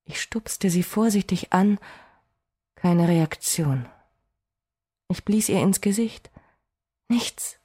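A woman narrating a first-person fantasy audiobook, expressive with dry, wry asides. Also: mid-range voice, slow pace, long pauses, slightly rough.

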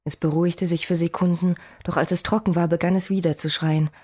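Husky low-voiced woman narrating a story. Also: fairly even intonation, a little fast, a little mellow. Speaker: audiobook narrator. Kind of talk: first-person fantasy audiobook narration.

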